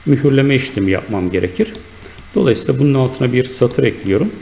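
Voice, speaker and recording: A man teaching a software tutorial, talking in an unhurried, explanatory way with many fillers and self-corrections while he works at a computer. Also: mid-range voice, animated, vocal fry, a little hiss or hum. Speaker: instructor. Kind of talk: screen-recorded software tutorial.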